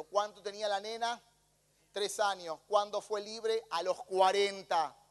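Rioplatense male pastor, impassioned sermon, high voice, long church reverb. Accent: Rioplatense Spanish. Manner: impassioned preaching, acting out quoted dialogue.

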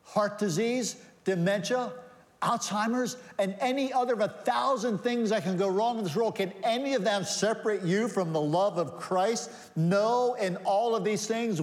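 A pastor with a high tenor delivers a sermon in a church sanctuary at a moderate pace, piling up rhetorical questions and answering them with rising emphasis. His voice fades out in a long, echoing reverb.

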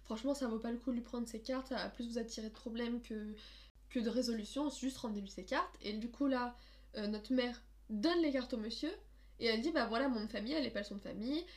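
A young woman co-hosting a casual podcast, telling a story in a lively, slangy way. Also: fairly high pitch. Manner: animated, slangy, quick storytelling. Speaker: podcast co-host.

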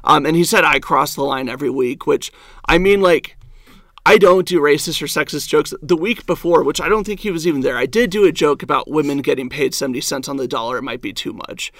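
A man's voice: on the high side, fairly quick, a bit bright, dry recording. A man, a stand-up comedian and the guest, telling a story in casual chat, rambling and filling his talk with "like" and "um". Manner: rambling, heavy use of "like" and "um".

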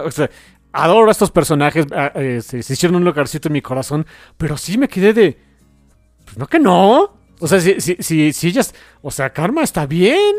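Man, podcast co-host, high and expressive, retells comic scenes with voices, dry close mic. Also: no echo. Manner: animated retelling with acted-out quotes. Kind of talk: casual comic book chat.

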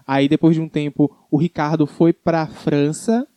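A Brazilian co-host chatting casually about the news, in an informal, halting way and stumbling over long words. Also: mid-range voice, flat delivery, dark tone, no room sound. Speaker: show co-host. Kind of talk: casual chat about news hits and flops.

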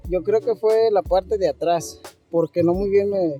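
A man from Guerrero with a Mexican accent, answering haltingly in a casual street interview. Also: high-pitched, warm tone, dull audio, faint music behind. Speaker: interview guest, passerby. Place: outdoors on a street.

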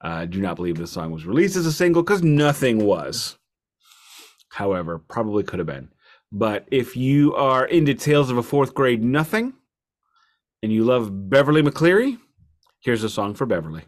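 Very animated, with a mid-range voice and moderate pace, this American podcast co-host reviews albums in a casual music chat. His manner is wry and full of jokes.

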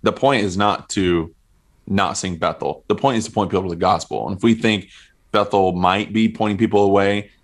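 A man with a somewhat low voice talks things through in a casual podcast conversation. He is an earnest worship leader who often repeats a word or two while he gathers his thoughts. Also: moderate pace.

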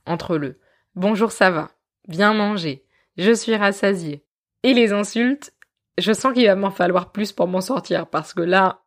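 Woman, podcast host, storytelling narration, lively, self-mocking, average pitch.

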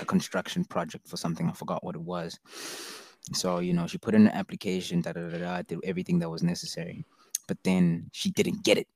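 Deep, gravelly young man, slangy. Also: darkish tone, no room sound. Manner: slangy, rambling storytelling, frequent "bro". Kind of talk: casual chat.

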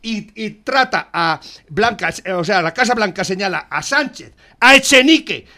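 A man's voice: high-pitched, expressive, normal speed, sharp tone. A man from Spain with a Spanish accent, a regular on a radio talk show, arguing hotly, insisting on finishing and repeating his points. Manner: insistent, interrupts, repeats himself. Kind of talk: heated on-air argument.

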